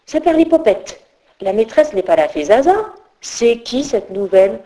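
A woman's voice: a little high, sing-song, normal speed, mellow. A woman voicing a little scatterbrained fairy girl who chatters and mutters to herself in a storybook reading. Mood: bewildered.

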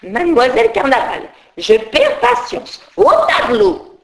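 Fields: Woman playing a shrill old fairy schoolmistress. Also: sing-song, measured pace, gravelly, full character voice. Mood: scolding. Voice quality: sour, piercing. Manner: scolding, barking orders.

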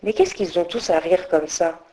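A woman's voice: fairly low pitch, normal speed, dark tone, close to an everyday voice. A woman voicing a little scatterbrained fairy girl who chatters and mutters to herself in a storybook reading. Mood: bewildered.

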